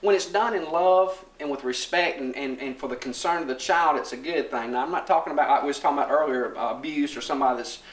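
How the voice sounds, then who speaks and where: A man's voice: a little high, fast, hardly any pauses. A man with a Southern American accent and slightly slurred R sounds co-hosts a casual religious talk in a folksy, anecdotal way, often repeating himself. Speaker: talk show co-host. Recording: roomy echo, faint background noise.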